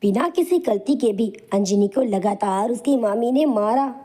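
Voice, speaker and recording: Mellow-voiced woman narrating a cartoon story. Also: fairly high pitch, measured pace. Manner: dramatic, sympathetic storytelling.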